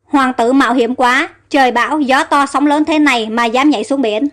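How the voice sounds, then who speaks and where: A woman's voice: sits high, normal speed, close to an everyday voice. A woman reading the lines of a worried male ship captain in an audio story.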